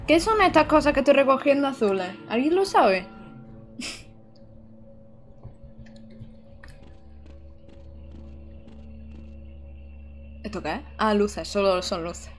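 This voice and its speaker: A young woman from Almería, streaming a game live and chatting excitedly with her viewers. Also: fairly high pitch. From Almería, Andalusia, Spain. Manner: chatty and excitable, talks to chat, exclaims often. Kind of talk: live-streamed gameplay commentary.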